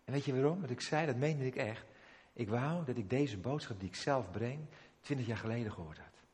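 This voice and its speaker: A man's voice: mid-range voice, a little fast, a little mellow. Middle-aged guy preaching, emotional storyteller, lots of restarts, big echoey church hall. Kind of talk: sermon with personal story. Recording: long reverb of a church hall.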